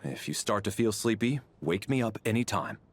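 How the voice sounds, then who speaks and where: A dutiful military agent in a video game, measured and precise. His low voice still rises and falls with lively shape. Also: husky. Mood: formal.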